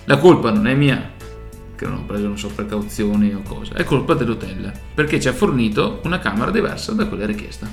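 A man's voice: fairly low pitch, animated, fairly quick, creaky. A man co-hosting a casual comic radio show, joking in a mock-serious way. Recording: roomy sound over background music.

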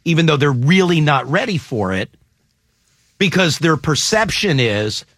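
A man's voice: a little high, animated, a little slow, fairly bright tone, dry recording, clean studio sound. A man hosting a casual panel chat, reading out statements and quizzing the panel playfully. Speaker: host.

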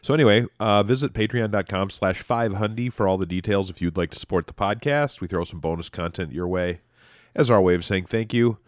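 A man hosting a podcast in a relaxed, rambling chat, a little stuffy from allergies. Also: fairly low pitch, a little fast, no echo. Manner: relaxed, rambling, dry humor. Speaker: podcast host. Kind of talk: casual chat.

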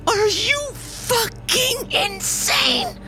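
A nervous little young man who stammers and sputters in a voice pushed far above his own, swinging wildly up and down. He drags his words out slowly, with faint music underneath. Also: high voice, huge pitch swings, a bit bright, pitched above the performer's own voice, heavily acted. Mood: frantic. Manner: stammering, frantic whispering outbursts. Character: jittery, panicky small young man. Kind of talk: audiobook character voice.

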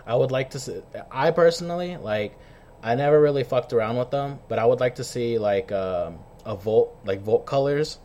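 A man's voice: medium pitch, moderate pace, darkish tone, muffled recording. A man hosting a casual podcast, chummy and slangy, swearing freely. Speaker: podcast host. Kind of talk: casual interview chat.

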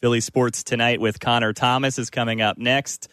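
Guy hosting sports talk radio, medium pitch, really dry close sound. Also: little pitch movement, normal speed, fairly bright tone, clean tone, no room sound.

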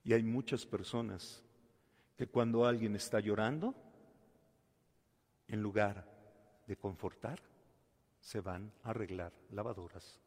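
A man preaching a sermon. He tells a story with dramatic swings from soft to loud and asks the listeners questions. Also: lowish voice, steady tone, takes it slowly, pauses often. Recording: long hall reverb.

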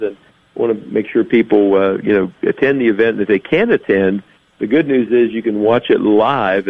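A man's voice: on the low side, vocal fry, dry recording. A man promoting an event as a guest, chatting casually over a thin phone line.

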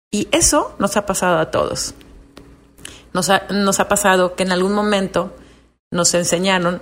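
Woman, podcast monologue, earnest, confiding, lowish voice. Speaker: podcast host.

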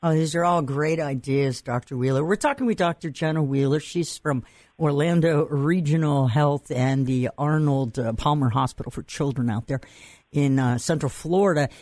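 An older man with a Massachusetts accent hosts a radio or podcast interview, rambling chattily with restarts and fillers. His voice is fairly high and darkish, at a moderate pace, with no room sound.

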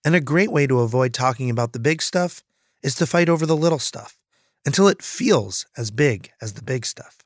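A man hosting a podcast, reading measured, scripted narration. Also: medium pitch, animated, dry recording, studio quality. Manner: measured, storytelling. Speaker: podcast host.

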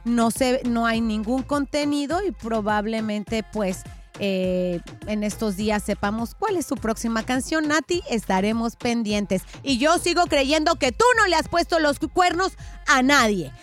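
A woman's voice: on the high side, measured pace, a bit bright. A woman hosting a radio gossip segment in a casual, playful and theatrical way. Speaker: radio entertainment gossip host. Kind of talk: casual celebrity gossip commentary. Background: faint music.

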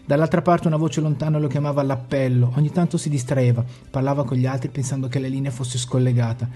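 A man narrating a dramatic story in a slow, intense delivery with heavy pauses. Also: medium pitch, steady tone, dark tone.

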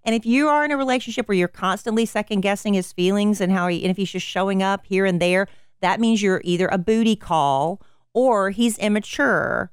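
A woman's voice: medium pitch, brisk, clear, resonant tone, no echo, studio quality. Frank woman giving blunt love advice. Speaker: podcast advice host. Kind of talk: casual advice podcast chat.

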